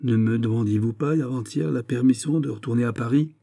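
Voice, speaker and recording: A man's voice: mid-range voice, brisk, gravelly, dark tone, pitched above the performer's own voice. A man reading aloud, voicing a stern middle-aged king with a commanding, raised voice.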